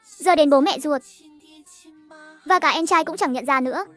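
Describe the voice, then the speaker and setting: A woman's voice: high-pitched, moderate pace, a bit bright. A woman voicing a nagging adoptive mother. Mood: coaxing. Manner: scolding, nagging. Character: scheming shrill adoptive mother, middle-aged. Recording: faint music behind.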